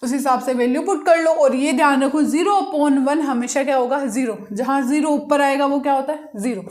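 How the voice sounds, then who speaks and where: A woman with a high, light voice teaches a maths lesson. She works through each step patiently and repeats key points. She keeps asking the class questions and then answers them herself. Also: a little fast, darkish tone. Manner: patient, repetitive step-by-step explaining. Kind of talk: blackboard-style maths lesson.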